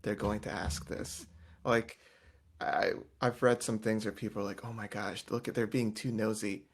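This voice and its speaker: A man's voice: fairly low pitch, normal speed. A man co-hosting a casual podcast, recapping a reality show and acting out quotes in voices. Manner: animated, acts out quotes in voices. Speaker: podcast co-host.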